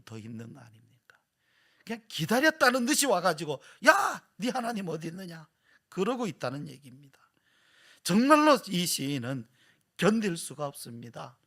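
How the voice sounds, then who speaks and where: A man preaching a sermon as pastor at a church service, dramatic and expressive, swinging from loud emphasis to hushed whispers. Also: a little high, normal speed.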